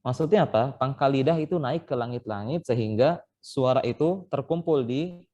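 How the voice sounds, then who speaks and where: A man's voice: medium pitch, moderate pace, dark tone, highs cut off. A man teaching Quran recitation in an online training session, patiently explaining step by step and sounding out letters as examples. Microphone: online call.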